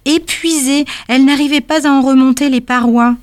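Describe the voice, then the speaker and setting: Woman storyteller, children's book, calm and measured. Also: sits high.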